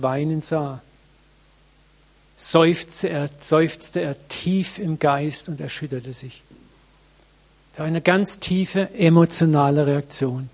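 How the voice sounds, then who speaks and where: A man preaching a sermon to a congregation, earnest and reflective, with many pauses, addressing listeners directly. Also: on the high side.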